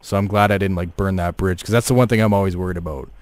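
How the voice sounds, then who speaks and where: A man hosting a casual podcast, talking in a relaxed, easygoing way. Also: low voice, fast talker, no room sound. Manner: relaxed, easygoing, laughs along. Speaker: podcast host, radio producer. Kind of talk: casual chat.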